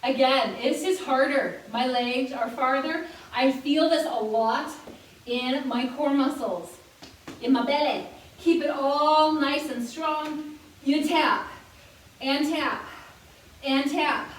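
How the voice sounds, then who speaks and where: A woman with a high, bright voice leads a seniors' exercise class at an unhurried pace. She chats and jokes between cues, and her voice sounds far from the mic in a very echoey room with a faint hiss. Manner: chatty, laughing, counting out moves. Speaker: fitness instructor. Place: fitness room.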